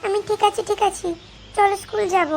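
A woman's voice: very high-pitched, flat delivery, a little fast, slight background noise. A woman voicing a cheeky, sulky little girl in a cartoon, whining and fake crying. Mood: grumbling. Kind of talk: Bengali cartoon voice acting. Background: background music.

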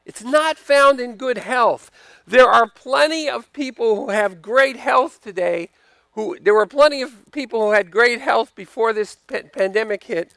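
A man preaching a sermon in church, stressing points by repeating them, then closing in a quieter prayer. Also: gravelly, no echo. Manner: emphatic, repeating key phrases, drops to a soft low voice in prayer. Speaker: pastor. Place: church sanctuary.

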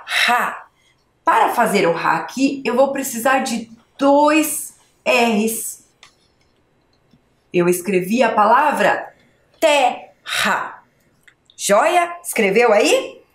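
A woman teacher slowly sounding out syllables and letters for young children in a spelling lesson. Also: a little high, animated. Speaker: schoolteacher. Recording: echoey room.

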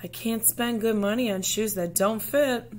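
A woman's voice: on the high side, a little slow, close to an everyday voice. A woman voicing a kindly, practical grandmother in a storybook, caring and matter-of-fact. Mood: gently regretful.

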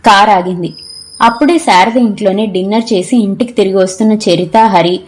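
A woman narrating a novel in an audiobook, telling the story in a measured, expressive way. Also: mid-range voice. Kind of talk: scripted narration.

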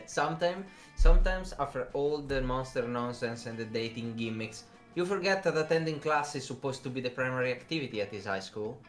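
A man's voice: medium pitch, faint music behind. A man with a mid-range voice reads a dating game aloud for friends, in English that is not his first language. He often stops and corrects himself while explaining things. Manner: halting, self-correcting explanations. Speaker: streamer reading game text.

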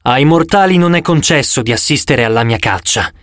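A man voicing a severe, imperious young goddess girl in an audiobook, speaking in slow, cold decrees. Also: mid-range voice, lively intonation, a bit bright, no room sound, clean studio sound, lightly acted. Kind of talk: audiobook character voice.

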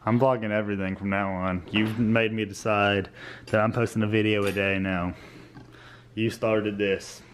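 A man's voice: fairly low pitch, flat delivery, normal speed. Young guy vlogging on a phone outside, kidding around, faint outdoor hiss. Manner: joking, playful, talks to his pets. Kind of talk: casual vlog chat. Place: outdoors in a yard.

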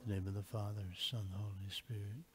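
A priest chanting and then preaching a homily in a relaxed way with fillers, his voice ringing with a long church reverb. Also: on the low side, quick pace, background noise. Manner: conversational preaching with frequent fillers. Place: large church.

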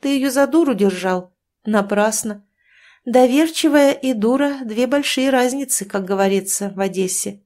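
A woman's voice: a little high, animated, moderate pace, darkish tone, pitched above the performer's own voice, lightly acted. A woman reading an audiobook, voicing a scheming, sarcastic young woman who taunts her lover. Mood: mocking.

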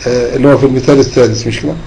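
Egyptian man teaching tajweed, mellow voice. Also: mid-range voice, steady tone, vocal fry, low-quality recording. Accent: Egyptian Arabic. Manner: patient, drawn-out demonstration of recitation. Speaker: Quran recitation teacher. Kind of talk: online tajweed lesson.

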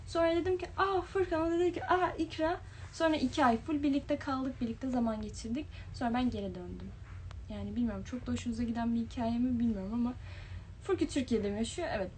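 A young woman talks casually into a webcam, reading out viewer comments and replying to each one. Her voice sits a little high, and a faint hum of room noise runs under the stream. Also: darkish tone. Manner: chatty, reads comments aloud then answers them. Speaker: livestream host. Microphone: phone or webcam livestream.

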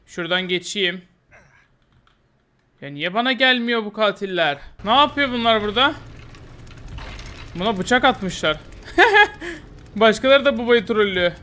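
A young man giving excited, taunting gameplay commentary as a gaming YouTuber, laughing often and talking close to a desk mic. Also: high-pitched, normal speed, pauses often.

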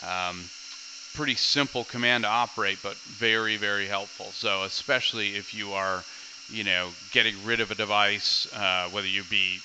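A man explaining a network feature in a relaxed, conversational tutorial voice-over, with frequent filler words. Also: on the low side, noisy background. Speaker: product trainer. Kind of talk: screen-recorded tech tutorial voice-over.

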